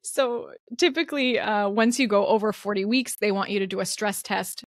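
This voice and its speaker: Young woman guest chatting away, laughs a lot, does little voices when she quotes people, mid pitch, dry close mic. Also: normal speed, no room sound. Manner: lively storyteller who laughs often and acts out the people she quotes. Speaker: guest mother telling her birth story. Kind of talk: casual interview chat.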